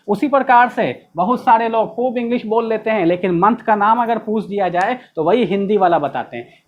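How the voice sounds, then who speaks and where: An Indian-accented woman gives a pronunciation lesson at a mid pitch, spelling words out and saying them over and over. The recording is a little dull and lo-fi. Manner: explanatory, spells words letter by letter and repeats them. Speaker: English pronunciation teacher. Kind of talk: classroom lesson.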